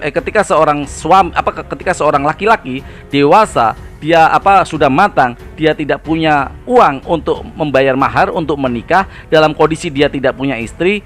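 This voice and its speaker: Brief: male host, combative polemical reaction commentary, a touch high-pitched, soft music underneath. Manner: mocking, combative. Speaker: channel host.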